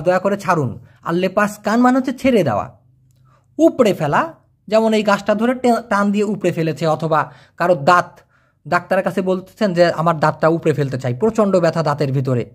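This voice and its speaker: Lively teacher repeating each new word. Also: mid-range voice. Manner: repeats each word and checks with quick questions. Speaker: Malay language teacher. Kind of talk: vocabulary lesson explained over pictures.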